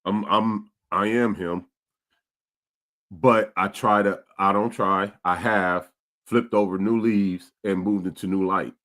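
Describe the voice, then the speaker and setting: A man in his forties from Stockton, California, co-hosts a laid-back podcast, telling street stories with a streetwise edge, repeating himself, and reading live chat comments aloud. He speaks slowly in a lowish, slightly bright voice with a steady tone.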